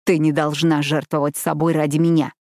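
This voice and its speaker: A woman reading an audiobook, voicing a fierce, commanding young man who growls his words hoarsely through clenched teeth. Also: deep voice, level tone, brisk, darkish tone, no echo, studio quality. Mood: furious. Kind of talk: audiobook character voice.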